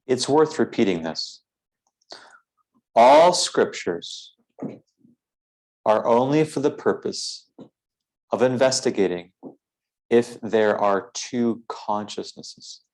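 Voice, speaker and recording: Leading a philosophical guided meditation, this man uses formal wording, a deliberate, measured delivery and many pauses. His mid-range voice has a darkish tone, and the recording is rough.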